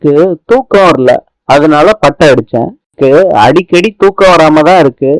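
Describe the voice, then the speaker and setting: A man's voice: on the high side, moderate pace, no echo, lightly acted, rough recording. A man voicing a flustered young husband who keeps defending himself. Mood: defensive. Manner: defensive, exasperated.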